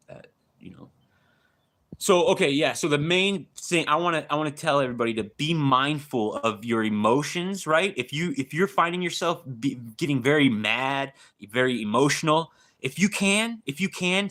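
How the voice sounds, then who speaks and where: A man livestreaming in a casual, rambling way, excitable and swearing often, with lots of dude and bro. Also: mid-range voice. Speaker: live streamer.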